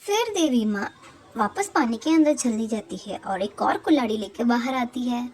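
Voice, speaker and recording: A woman narrating a cartoon fable in a plain, steady storytelling way. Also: a little high, moderate pace.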